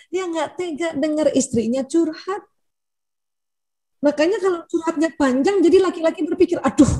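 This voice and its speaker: A woman doctor giving a lively seminar talk to an audience, telling anecdotes and acting out bits of dialogue. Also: high-pitched. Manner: animated, anecdotal, acts out quoted dialogue.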